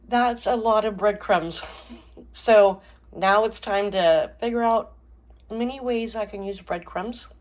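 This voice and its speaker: A middle-aged woman hosting a home cooking video, chatting casually with lots of fillers and small laughs. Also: medium pitch. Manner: chatty, relaxed, many fillers and little laughs. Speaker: cooking channel host. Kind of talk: casual kitchen vlog narration. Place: home kitchen.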